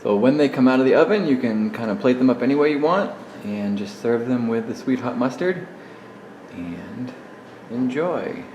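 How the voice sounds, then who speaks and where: In this cooking demonstration, a young man who is a teen librarian goes through a recipe step by step with many fillers. His mid-range voice has lively intonation at a normal speed. The recording is muffled and noisy, captured by a far mic in an echoey kitchen with clattering dishes.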